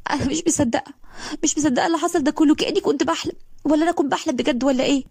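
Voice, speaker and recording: A woman's voice: high voice, very fast, darkish tone, dry recording, pitched above the performer's own voice. Woman voicing a gushing, tearful young woman. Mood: overwhelmed. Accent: Egyptian Arabic. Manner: breathless, gushing, repeats herself.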